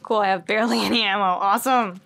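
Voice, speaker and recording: A woman's voice: mid-range voice, fairly even intonation, quick pace, creaky, fairly bright tone, soft background music. A young adult woman giving casual gameplay commentary as a streamer, sarcastic and talking to the game. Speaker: gaming streamer. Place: small indoor home streaming room. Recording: game sounds behind the voice. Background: video game sounds.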